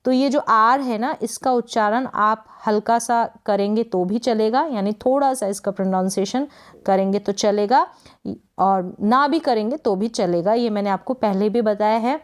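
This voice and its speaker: A woman teaching English pronunciation in Hindi, patiently repeating each word and asking quick check questions. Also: medium pitch. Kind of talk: spoken lesson.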